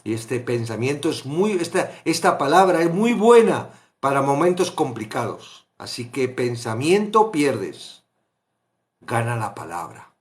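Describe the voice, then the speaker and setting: A man teaching a Bible study, impassioned, swinging between hushed asides and loud exclamations. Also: mid-range voice, sing-song, normal speed.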